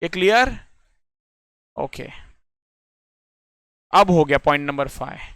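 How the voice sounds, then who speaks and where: A man's voice: a little high, animated, slow pace, gravelly, a bit bright, no echo, clean studio sound. A young man teaching a puzzle lesson in Hindi mixed with English in an Indian accent, explaining step by step and often asking if students follow. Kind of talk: classroom lecture on reasoning puzzles.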